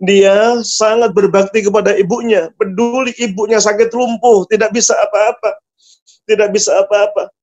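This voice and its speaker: A man's voice: sits high, steady tone, normal speed, darkish tone. A male preacher telling a religious story as a dramatic, emotional sermon. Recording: dull lo-fi sound.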